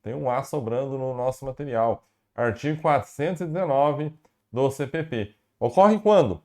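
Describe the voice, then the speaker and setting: A man's voice: medium pitch, normal speed, mellow. A man with a Brazilian Portuguese accent lecturing on law for exam prep, repeating key definitions and asking and answering his own questions. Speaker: law professor.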